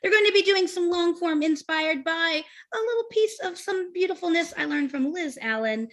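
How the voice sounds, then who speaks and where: A woman's voice: extremely high pitch, expressive, normal speed. A woman hosting an online improv show on a video call, upbeat, often repeating her praise. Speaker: host.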